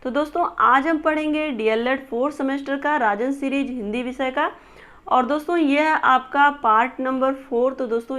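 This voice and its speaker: A woman's voice: high voice, fairly bright tone. A woman teacher recording a lesson for exam preparation, explaining each answer step by step and rephrasing her points.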